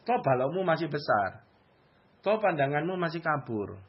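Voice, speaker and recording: Man, conversational sermon, rhetorical questions, slightly high voice, dull lo-fi sound. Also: big pitch swings, normal speed, slightly rough. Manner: conversational Bible teaching with rhetorical questions and colloquial asides. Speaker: preacher.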